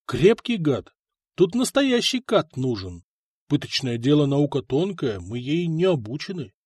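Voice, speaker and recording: A man's voice: on the high side, very animated, unhurried, darkish tone, breathy edge, dry recording, exaggerated voice. Plain-spoken soldiers report bluntly in an ordinary voice, as a male narrator reads them. The tone is short and matter-of-fact. The recording is dry and close. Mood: regretful. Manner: blunt, regretful.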